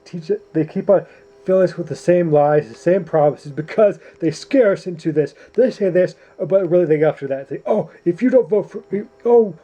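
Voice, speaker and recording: Man vlogger at home, fired-up rhetorical delivery, warm mellow tone. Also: on the high side, normal speed, dull audio. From United States. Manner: preachy, emphatic, rhetorical, frequent throat-clearing. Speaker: YouTuber. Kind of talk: opinionated political vlog rant. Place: indoors at home at night.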